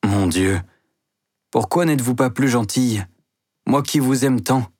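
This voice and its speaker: A man's voice: mid-range voice, a little slow, a little mellow, breathy edge, no echo, studio quality, voice pushed up. A man voicing a timid, lovesick young salesman who pleads sadly.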